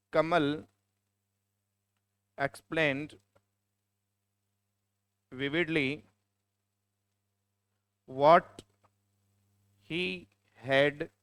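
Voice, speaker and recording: A male teacher with a Hindi accent lectures his class and drifts into chatty anecdotes, now and then scolding the students. His voice sits fairly high and sounds smooth and crisp. The recording is dry and close, with little room sound. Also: extremely slow, pauses often, fairly bright tone, no echo.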